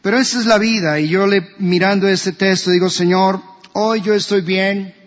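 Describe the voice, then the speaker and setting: A Colombian man preaches a sermon as pastor in a church hall, asking his congregation questions. His voice is high and steady at a normal speed, and the recording sounds dull and echoey.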